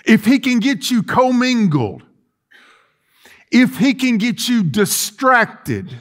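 Speaking slowly in a very high, sing-song voice, a middle-aged pastor delivers a sermon inside a large church sanctuary with rows of chairs. He paces and gestures, and his earnestness shows in frequent restarts.

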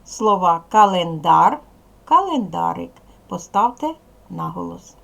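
A woman with a Ukrainian accent, a primary school teacher giving a recorded lesson to young children in slow, clear instructions. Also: lowish voice, very animated, a bit bright.

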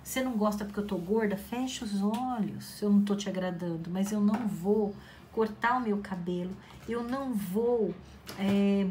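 A middle-aged woman who hosts a craft channel chats casually as she paints, her mid-range voice carrying a darkish tone. She offers encouraging talk and acts out quoted voices over faint background noise.

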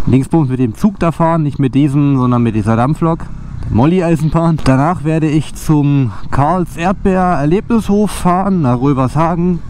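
A man chatting casually and bluntly from inside a motorcycle helmet while riding, as in a motovlog. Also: fairly high pitch. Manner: blunt, grumbling, swearing at traffic. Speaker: motorcycle vlogger. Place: outdoors on a moving motorcycle. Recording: clearly noisy, engine and traffic outdoors. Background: engine, vehicle and street noise.

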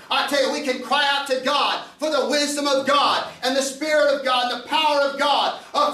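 A man preaching a fiery revival sermon at a pulpit microphone, quoting scripture in old King James wording and rising into shouts. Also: extremely high pitch, reverberant, far from the mic, rough recording.

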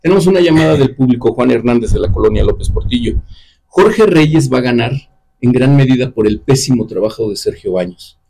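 A man's voice: mid-range voice, lively intonation, fairly quick, vocal fry, mellow, breathy edge, poor audio. A man with a Mexican accent, a radio co-host reading out a listener's message plainly.

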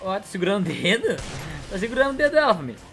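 A young man gives fast, slangy gameplay commentary into a headset. His voice is bright and jumps around in pitch. Game music plays softly behind him. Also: big pitch swings. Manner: hyped, slangy, keeps addressing viewers as family. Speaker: gaming youtuber. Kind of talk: excited live gameplay commentary.

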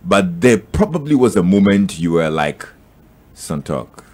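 Brief: man, very deep voice, radio host interviewing a guest in the studio. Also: big pitch swings, unhurried, darkish tone. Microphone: studio microphone on boom.

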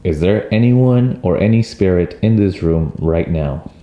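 Vlogging from a hotel room and its hallways, a young traveler speaks in a low, animated voice at a slightly slow pace. His narration is casual and chatty, joking with some nervousness, shot on a camera at arm's length. The audio is dull, with room echo and faint ambience.

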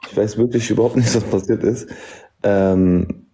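A man's voice: on the low side, steady tone, normal speed, warm tone. A man mediating a livestream quarrel, soothing and placating, repeating reassurances. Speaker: mediator in live stream. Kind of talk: calming casual talk.

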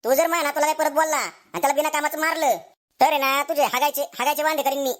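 A woman voicing an old grandparent who slowly threatens a child with a stick. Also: high-pitched, fairly even intonation, a bit bright. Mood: menacing.

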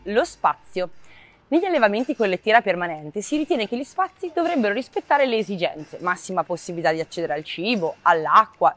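A young woman in her twenties, a marketing manager, giving a clear, measured scripted explainer to camera outdoors by a cow barn on a lapel mic. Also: medium pitch. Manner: clear, measured, informative delivery. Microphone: lapel mic, medium framing.

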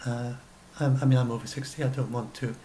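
A fast-talking man in his sixties with a mellow, mid-range voice and steady tone goes over his notes alone. The science blogger meanders and keeps correcting himself, recorded by a webcam at his desk in a small room at home, with a little hiss or hum.

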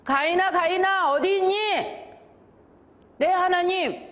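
A woman's voice: high-pitched, expressive, measured pace, echoey room, long reverb tail, slight background noise, voice pushed up. A woman playing a stern, scolding God. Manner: scolding, firm. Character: stern but loving God speaking to a man.

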